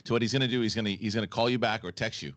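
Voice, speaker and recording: A man's voice: fairly low pitch, racing, fairly bright tone, no echo. A man hosting a casual live stream, explaining things and often repeating his phrases. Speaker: live show host.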